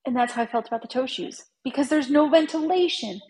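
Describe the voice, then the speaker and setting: A woman co-hosting a podcast, ranting in an excitable, self-aware, exasperated way during casual chat. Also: sits high, fast, husky, rough recording. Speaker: podcast co-host.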